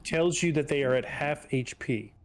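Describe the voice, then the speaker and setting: A man running a tabletop game as dungeon master, loose and profane, with quick bursts of excitement. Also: on the high side, a little hiss or hum.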